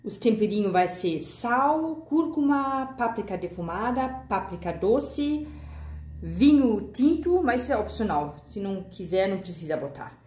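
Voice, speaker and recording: This woman's mid-range voice has a sing-song lilt, a measured pace and a darkish tone, and the room sounds roomy. She hosts a vegan cooking channel, giving a casual step-by-step recipe tutorial from her kitchen in a chatty, homey way, using diminutives and fillers.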